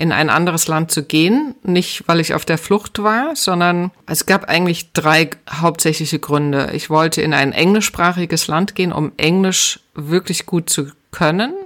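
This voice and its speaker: Middle-aged German woman guest, lowish voice, reflective storyteller. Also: a little slow, a bit bright. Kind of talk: casual interview chat.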